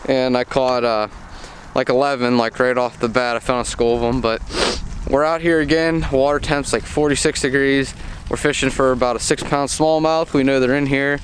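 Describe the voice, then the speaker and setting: A man talking casually as a fishing vlogger, his voice slightly muffled through a face mask, in an informal, folksy way. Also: medium pitch. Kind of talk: casual fishing vlog talk to camera. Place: outdoors on a boat on a windy lake. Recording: loud wind and boat noise outdoors.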